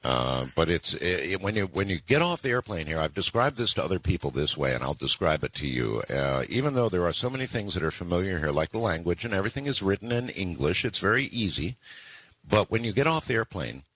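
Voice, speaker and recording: Deep husky radio host, lively pitch. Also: male voice, dry recording. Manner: relaxed, rambling, many "uh" pauses. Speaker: radio talk show host. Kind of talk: late-night call-in radio talk. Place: broadcasting from the Philippines. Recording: dull lo-fi radio broadcast sound.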